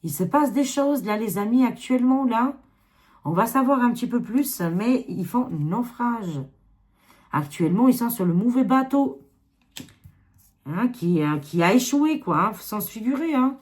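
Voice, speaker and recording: A woman's voice: a little high, expressive, measured pace, a little mellow. A woman with an Albanian accent reading tarot cards to camera in a rambling, casual way, dropping many fillers. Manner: rambling, filler-heavy, repeats 'hein'. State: tired. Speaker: tarot reader.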